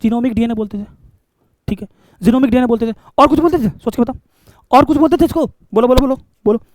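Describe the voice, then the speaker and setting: A man's voice: very high-pitched, fast talker, darkish tone, no room sound, studio quality. A male biology teacher, lecturing a class and coaxing answers by asking questions and repeating key terms.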